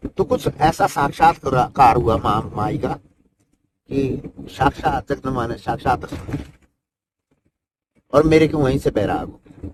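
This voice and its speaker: A man's voice: mid-range voice, unhurried, pauses often. An older man, a Himalayan yogi, telling his life story in a rambling, folksy way and tagging his sentences with "isn't it". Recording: noisy ambient background.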